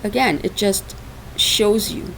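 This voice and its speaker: This spiritual podcast comes from a minister from Portugal who chats casually, laughs a lot and leans on fillers, speaking slowly in a medium-pitched, slightly bright voice. Recorded at home in a dark, hot room through the laptop microphone on her lap, the audio is rough and raw with a faint hiss.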